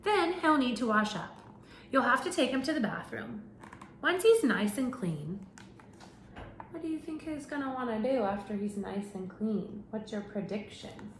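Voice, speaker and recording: Reading at a normal speed in a fairly high voice, a woman teacher brings a picture book to life for young children and asks them questions as she goes. The room echoes, and a faint hum runs underneath.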